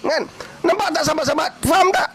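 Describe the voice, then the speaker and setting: A man with a Malaysian Malay accent preaching in a casual, animated way, with blunt folksy asides and rhetorical questions he repeats again and again. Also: extremely high pitch, fast, slight background noise.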